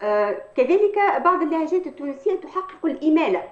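A woman, an Arabic language professor, explains in a measured academic way and often pauses on hesitation sounds. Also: high voice, expressive, a little mellow. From Tunisia. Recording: echoey, dull lo-fi sound.

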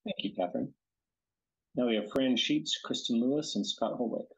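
Gravelly, husky meeting moderator. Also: mid-range voice, moderate pace, highs cut off. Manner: brief and matter-of-fact, calls the next speakers. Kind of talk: brief procedural announcements.

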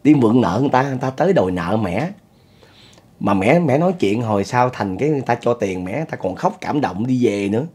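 Husky Southern Vietnamese storyteller man. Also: mid-range voice, lively intonation, fast talker, a little mellow. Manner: chatty, addresses listeners, chuckles often. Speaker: storyteller host. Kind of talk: spoken ghost-story telling.

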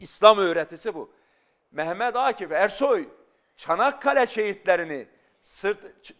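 High, clear-voiced earnest male scholar. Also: a bit bright. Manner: earnest, rising into fervent emphasis. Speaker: guest scholar. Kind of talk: explanatory talk-show commentary. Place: television studio.

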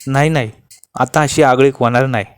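A man's voice: steady tone, fairly quick, smooth, no echo, natural voice. A man voicing a cowardly young husband who stammers and pleads in fear. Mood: scared. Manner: stammering, higher and shaky.

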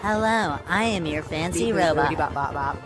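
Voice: medium pitch, fast talker, over music, lightly acted. A young streamer voicing a silly robot that chants a sing-song beep-boop rhythm during a live game stream. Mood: chanting.

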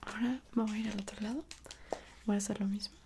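A young woman with a Mexican accent in an ASMR role-play as a dressmaker, speaking softly and attentively straight to the listener. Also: medium pitch, steady tone, noisy background. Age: young adult. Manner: soft, unhurried, attentive, speaking directly to the listener. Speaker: ASMR performer playing a dressmaker. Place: small indoor room at home.

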